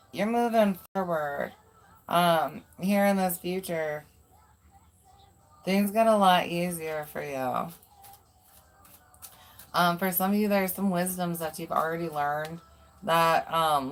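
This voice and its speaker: A woman giving a relaxed live tarot reading in a lowish voice. She rambles casually, dropping in curse words and plenty of "um"s and "like"s. A faint hum of room sound sits behind her. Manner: chatty, swears freely, many fillers like "um" and "like". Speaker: tarot reader.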